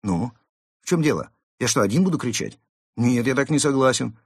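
A man voicing a brash, cheerful masked animal burglar who mocks and shouts gleefully. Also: fairly low pitch, very animated, moderate pace, slightly rough, no room sound, clean studio sound, full character voice. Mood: mocking. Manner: loud, mocking, gleeful shouting.

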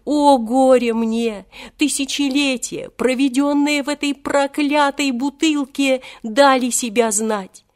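A woman's voice: high-pitched, fairly even intonation, slow, hardly any pauses, pitched above the performer's own voice. A woman voicing an ancient male genie who is servile and flustered, wailing in a pompous tone.

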